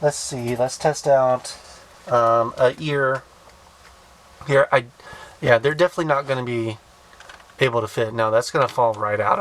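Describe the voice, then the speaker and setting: A man casually reviewing a toy, thinking aloud with halting restarts. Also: mid-range voice, a little hiss or hum, low-quality recording. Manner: hesitant, many fillers and restarts, thinking aloud.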